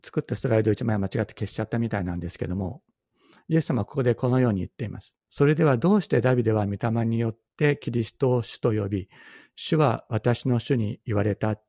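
A middle-aged man, a pastor, giving a Bible teaching sermon in a measured, explanatory way, repeating key phrases for emphasis. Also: medium pitch, gravelly, warm tone, dry recording.

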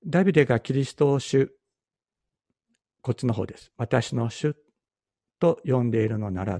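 A middle-aged man, a pastor, giving a Bible teaching sermon in a measured, explanatory way, repeating key phrases for emphasis. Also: medium pitch, gravelly, mellow, breathy edge, dry recording.

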